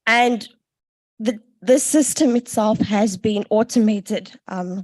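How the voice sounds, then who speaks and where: A woman giving a conference presentation, slightly out of breath, pausing often with ums and uhs. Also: medium pitch, darkish tone, no room sound, poor audio. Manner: hesitant, frequent ums and uhs.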